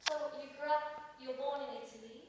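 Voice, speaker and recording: A woman's voice: high-pitched, flat delivery, fast. Woman asking curious questions, sounds far from the mic, super echoey room, faint noise. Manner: curious, gently probing questions. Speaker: interviewer. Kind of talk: casual interview questions. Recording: distant roomy echo with faint background noise.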